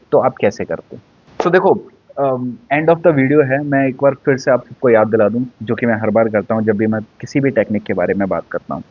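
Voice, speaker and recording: A man's voice: mid-range voice, husky, no room sound. Man, acting teacher, chatty explainer who keeps checking in; dry, slightly muffled recording. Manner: conversational, mixes Hindi and English, frequent checking "है ना?". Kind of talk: casual Hindi-English lesson. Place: indoors, seated.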